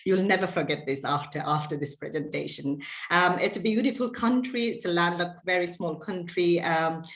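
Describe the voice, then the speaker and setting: Low-voiced woman from Nepal lecturing online. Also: normal speed, reverberant. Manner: chatty, warm storytelling with many fillers and restarts. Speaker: senior lecturer giving a seminar talk. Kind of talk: online seminar presentation. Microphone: video call.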